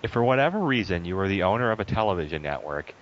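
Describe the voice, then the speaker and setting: A man's voice: low voice, big pitch swings, fast. A young man hosting a podcast in casual chat, reading out questions with a chuckle. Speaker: podcast host asking questions. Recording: dull lo-fi podcast audio with faint hiss.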